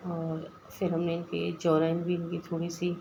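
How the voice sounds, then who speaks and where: A woman's voice: lowish voice, monotone, moderate pace, vocal fry, warm tone, a little hiss or hum, low-quality recording. A woman with an Indian Hindi accent, a makeup artist explaining each step of a makeup tutorial in a voice-over and calling her viewers guys.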